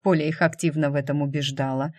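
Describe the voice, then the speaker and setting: A man reading a first-person novel aloud as an audiobook narrator, in a calm, even way. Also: a little high, fast, no room sound.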